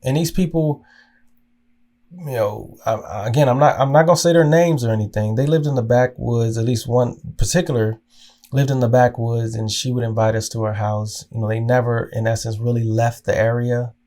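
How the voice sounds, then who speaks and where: Man from oklahoma, earnest reflective storytelling, halting restarts, mid-pitched voice, podcast host. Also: a little mellow. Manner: halting, with frequent restarts and repeated words; earnest and emotional.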